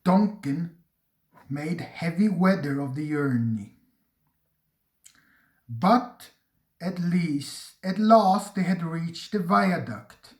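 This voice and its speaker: A narrator reading a railway storybook aloud in an expressive way, recorded in a roomy space. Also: mid-range voice, extremely slow, long pauses.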